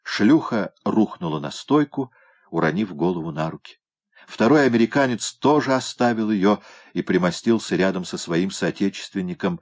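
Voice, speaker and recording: A man reads a story aloud in a steady, measured way. His voice sits on the low side and never hurries. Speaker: reader. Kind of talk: audiobook narration.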